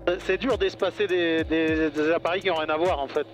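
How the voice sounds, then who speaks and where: A man's voice: on the high side, fairly even intonation, a little fast. A man heard over a pilot headset, chatting casually and calling out checks as he flies. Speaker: pilot of a microlight plane. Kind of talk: casual cockpit chat and checklist callouts. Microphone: aviation headset. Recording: pilot headset intercom, music behind.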